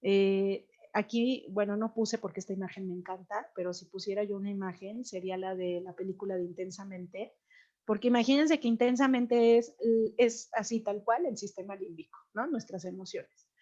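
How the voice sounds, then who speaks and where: A woman gives an informal talk, explaining ideas in a relaxed, conversational way. She often checks in with the listeners and now and then acts out scolding parents. The sound is a little dull and muffled. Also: medium pitch, normal speed. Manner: conversational, tags questions with "¿no?", frequent fillers; acts out angry and scolding quotes. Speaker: speaker on child development.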